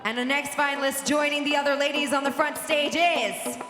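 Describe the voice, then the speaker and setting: A woman co-hosting a live pageant, announcing with excitement and a build-up of suspense. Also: high-pitched, fairly quick, a faint crowd. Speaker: pageant co-host. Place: large event hall with music behind. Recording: echoey hall PA, loud music behind.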